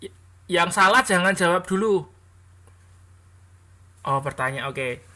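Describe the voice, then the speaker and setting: A woman teaching an English class, chatty and quick to correct students, often stopping and restarting mid-sentence. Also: lowish voice, lively intonation, pushed and bright.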